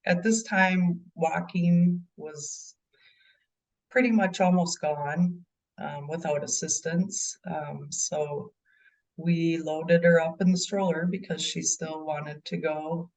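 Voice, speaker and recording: Middle aged mom, slow earnest answers, lots of ums, kinda distant from the mic. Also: female voice, low-pitched, fairly even intonation, a little mellow. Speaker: bereaved mother and guest. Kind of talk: interview answers.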